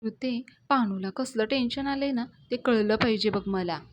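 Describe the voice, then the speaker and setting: A woman voicing a lovesick, tearful young woman who pleads and whines in a fairly high voice. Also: normal speed, lightly acted. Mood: lovesick pleading.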